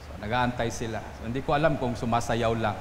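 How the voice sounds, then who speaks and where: A man from the Philippines, a priest, preaches a Sunday homily in a medium voice and tells anecdotes. He slips into lively voices when he quotes others. The sound carries a long church reverb with faint ambience behind it. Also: medium pitch, fairly quick, noisy background. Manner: storytelling, quoting people in different voices.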